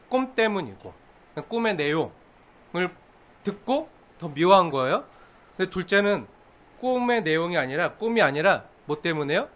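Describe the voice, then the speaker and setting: A man preaching a sermon as pastor, explaining a scripture passage in a lively way and acting out little quoted lines with chuckles. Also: a little high. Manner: animated, acts out quoted lines with laughter.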